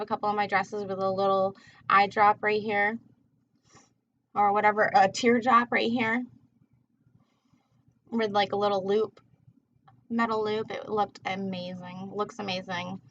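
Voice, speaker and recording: A woman's voice: mid-range voice, flat delivery, fairly bright tone. Laid-back rambling woman smoking as she talks, muffled audio. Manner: laid-back, rambling, drawn-out slangy delivery; smoking while talking. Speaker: tarot reader hosting a livestream. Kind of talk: casual rambling livestream chat. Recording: dull, muffled lo-fi livestream audio.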